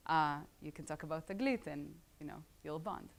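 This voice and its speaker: Speaking to a room of students, this Israeli-accented startup founder in her thirties, who had some English schooling, keeps things casual and jokey with asides to the crowd. Her voice is low and creaky, at normal speed.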